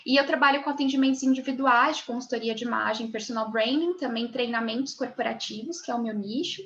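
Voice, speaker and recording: Teacher, woman, bright-pitched, lecturing on a video call with muffled sound. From Brazil. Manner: friendly greeting of students, then lecturing. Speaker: image consulting teacher. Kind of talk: online class via video call. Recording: dull lo-fi video call audio.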